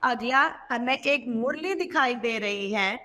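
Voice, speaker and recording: A woman teaching a children's Hindi lesson, sounding out words slowly and repeating them. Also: a little high, bright, forceful tone, slight background noise.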